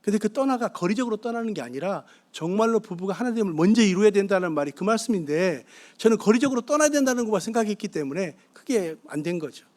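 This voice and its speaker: A man's voice: high-pitched, expressive, quick pace, hardly any pauses, a little mellow. A middle-aged man preaching a sermon on marriage to a church congregation, asking them questions as he goes. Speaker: guest pastor. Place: church sanctuary.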